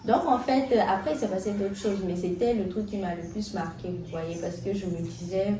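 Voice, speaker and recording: A young woman telling a story in a casual, animated way, full of slang and restarts, as a vlogger. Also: medium pitch, fairly quick, far from the mic, noisy background. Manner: animated, excitable retelling with slang. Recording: roomy echo, set back from the mic.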